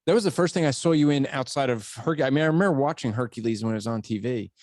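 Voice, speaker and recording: A man's voice: medium pitch, racing, darkish tone, no room sound, studio quality. A man co-hosting a podcast, chatting casually with a guest and laughing easily. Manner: conversational, laughs easily, hesitant restarts. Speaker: podcast co-host. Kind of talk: casual interview chat.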